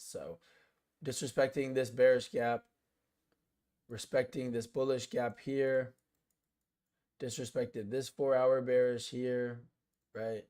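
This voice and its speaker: A man talks his chat through a live trading session in a relaxed, slangy manner. His pitch sits in an ordinary middle range, and he breaks setups down step by step between offhand asides. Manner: laid-back slangy talk, lots of "like", "bro" and "yo". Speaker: day trader streaming live. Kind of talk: casual live-stream trading commentary.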